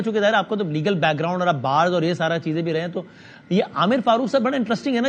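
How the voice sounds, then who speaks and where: A man's voice: high-pitched, a little hiss or hum. A man interviewing a guest, often repeating words as he starts each question.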